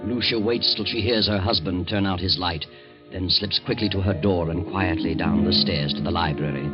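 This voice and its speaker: A man narrating a radio drama in a measured, suspenseful way. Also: low-pitched, highs cut off. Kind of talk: scripted narration. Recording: scratchy 1940s radio recording with music.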